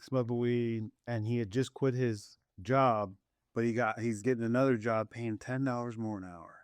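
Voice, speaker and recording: A middle-aged man, a father co-hosting a podcast, telling a family story in a loose, animated way and acting out both sides of the conversation. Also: fairly low pitch, smooth, no echo, clean studio sound. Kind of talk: casual storytelling chat.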